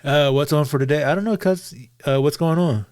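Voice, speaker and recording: A man's voice: on the high side, brisk, darkish tone, no room sound, studio quality. A man co-hosting a casual podcast, teasing and joking as he interjects in the banter. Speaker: podcast co-host.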